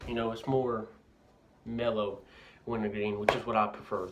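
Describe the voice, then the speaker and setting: A man's voice: lowish voice, level tone, normal speed. Young guy, lip full of dip, noisy recording. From Louisiana, United States. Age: young adult. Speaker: dip reviewer. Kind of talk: casual vlog, product review. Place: indoors, bathroom at a house. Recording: noisy amateur bathroom recording, clicks.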